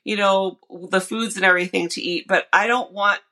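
Bright-voiced woman coach chatting. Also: medium pitch, steady tone, moderate pace. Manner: chatty, lots of "like" and "you know" fillers. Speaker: guest nutrition coach. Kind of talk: casual podcast chat.

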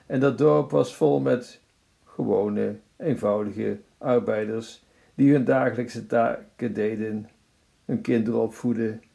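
A man preaching a sermon. He tells a story in a measured way and addresses his listeners formally. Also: lowish voice, steady tone, vocal fry, mellow.

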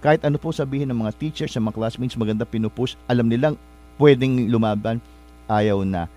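A man's voice: medium pitch, a little fast, warm tone. Polite rambling male show host. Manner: polite, addresses listeners with respectful particles; rambling, searches for words and corrects himself. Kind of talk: motivational storytelling talk.

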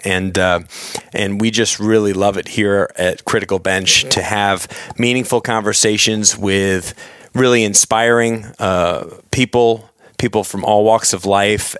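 A man's voice: lowish voice, a bit bright, dry recording, studio quality. A man hosting a podcast, talking to listeners in a conversational, encouraging, rambling way. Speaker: podcast host.

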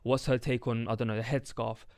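A man's voice: mid-range voice, level tone, brisk, darkish tone, dry recording. Young guy hosting a podcast, london roadman accent, slangy n chatty, dry room. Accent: London, urban street slang (roadman). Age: young adult. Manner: slangy urban street way of talking. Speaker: podcast host. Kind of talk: casual podcast chat.

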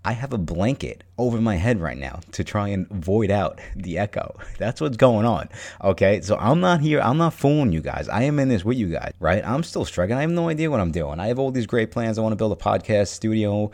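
A man's voice: on the low side, very animated, brisk, a little mellow. A male podcast host talking casually and energetically, full of slang and swearing, muffled because he is recording under a blanket over his head. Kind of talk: casual motivational podcast talk. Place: empty, unfurnished new house, inside a blanket fort.

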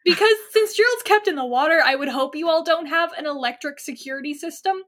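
A woman's voice: high voice, fast talker, fairly bright tone. A woman narrating a tabletop game as game master. She is chatty, searches for words and laughs easily.

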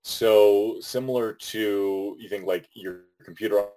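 A man's voice: lowish voice, fairly even intonation, slow pace, warm tone, rough recording. A man co-hosting a casual podcast, talking with many ums, restarts and small laughs. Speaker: podcast co-host.

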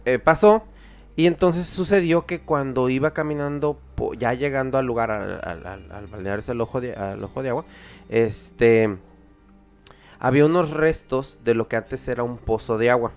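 Mexican guy telling a story on a podcast, lots of ums and restarts, clean smooth voice. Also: medium pitch, soft background music. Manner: halting, many filler words and restarts. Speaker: podcast host. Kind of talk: casual storytelling chat.

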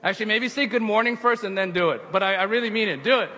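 An earnest man preaching a sermon, high and bright in tone, leaning on repetition and rhetorical questions. His voice carries a long reverb through a church sanctuary. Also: quick pace. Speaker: pastor.

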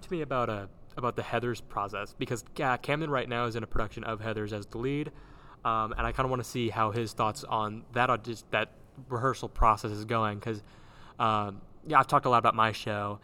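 A man hosting a casual chat in a halting, circling way, recorded in a large old gym with big-hall echo. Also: medium pitch, bright, forceful tone. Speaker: podcast host and theater director. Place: large old gymnasium used as a theater, indoors. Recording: roomy big-hall echo, background noise.

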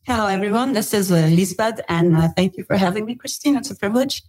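A woman's voice: mid-range voice, quick pace, a little mellow, slightly rough. A middle-aged woman from Belgium, a podcast guest, telling her travel story in a chatty way with laughs and restarts. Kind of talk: casual interview storytelling.

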